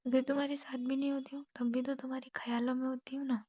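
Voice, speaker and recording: A young woman on an intimate phone call with her husband, teasing him softly and often half whispering. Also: sits high, flat delivery, fast talker, breathy edge, dry recording. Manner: soft-spoken, teasing, often near a whisper. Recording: muffled phone call recording.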